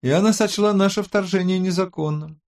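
A man voicing a sharp-tongued, touchy young woman hacker in an audiobook, raised high above his own voice. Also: fairly quick. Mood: explaining. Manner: snappy, defensive. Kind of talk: audiobook character voice.

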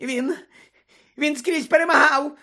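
A man's voice: extremely high pitch, fairly even intonation, unhurried, pushed and bright, voice pushed up, exaggerated voice. A man reading an audiobook, voicing a cowering male traitor wizard who whines and pleads through tears. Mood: whimpering pleading. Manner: whining, pleading, tearful.

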